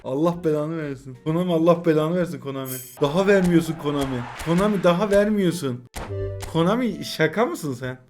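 A man in his twenties commentating a late-night mobile game stream, excitable and swinging between groans and shouts. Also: fairly high pitch, brisk, faint music behind. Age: 20s. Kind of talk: live pack-opening stream commentary.

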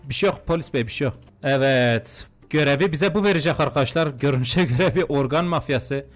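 A young man giving crude, joking commentary while playing a video game, swinging between muttered remarks and mock-outraged shouting. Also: medium pitch, a little fast, soft background music. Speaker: gaming YouTuber. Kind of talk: comedic let's-play commentary.

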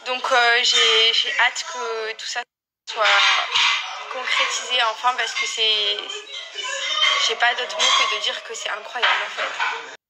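A woman's voice: a little high, flat delivery, slow, over loud music. A young woman vlogging casually to camera, gushing and chatty.

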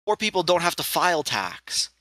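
A man's voice: on the high side, sing-song, moderate pace, bright, forceful tone, dry recording. A man talking like a radio show caller in a heated political debate, opinionated and often breaking in with rants.

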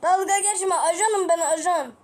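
A woman voicing several characters in a game video, excitable and teasing, full of exclamations. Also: extremely high pitch, unhurried, a little hiss or hum. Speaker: gaming video creator.

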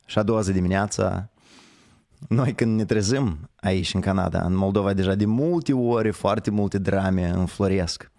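Male live-stream host, low and hoarse, chatty and meandering, bone-dry close sound. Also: darkish tone, no echo. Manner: rambling, conversational, self-correcting. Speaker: host of a live online show. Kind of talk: casual live-stream commentary.

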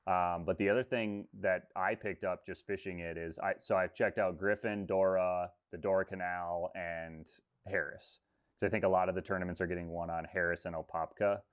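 Man, 30s, very low voice, laid-back rambling, many ums, video call webcam. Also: moderate pace. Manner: relaxed, rambling, many fillers. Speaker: fishing guide. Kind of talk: casual interview talk. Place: room with textured ceiling.

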